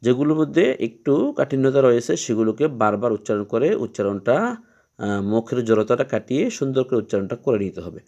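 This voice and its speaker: A man teaching Quran reading, explaining each letter patiently and repeating its sound slowly three times. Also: medium pitch, dark tone, muffled recording. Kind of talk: step-by-step letter lesson.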